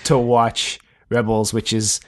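A man's voice: on the low side, monotone, slow. A young man with a blended South African and American accent, co-hosting a podcast in casual, wry chat. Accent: South African mixed with American. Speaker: podcast co-host.

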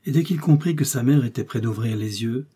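Dark, husky male storyteller. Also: mid-range voice, brisk. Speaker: audiobook reader. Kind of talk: reading a classic short story aloud.

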